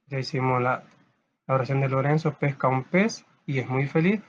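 A man, reading a story and then teaching a first-grade reading lesson, patiently repeating words slowly for young children. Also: medium pitch, muffled recording. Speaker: primary school teacher.

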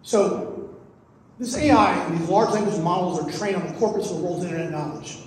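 A man's voice: sits high, brisk, slight background noise. A man speaking as a panelist in a conference discussion, explaining things and repeating words while he searches for them. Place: conference room. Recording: echoey conference hall.

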